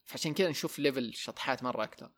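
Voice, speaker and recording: A man's voice: mid-range voice, racing, fairly bright tone. A young man hosting a casual podcast chat, rambling, repeating words and slipping into English. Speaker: podcast host.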